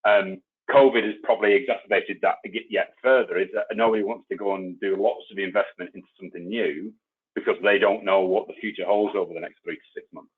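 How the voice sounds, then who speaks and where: A man with a deep, husky voice talks through his points on a video call, hedging and correcting himself with plenty of ums. The sound is thin and tinny, like a phone line. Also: fairly even intonation, fast talker. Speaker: webinar panelist. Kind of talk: online webinar discussion.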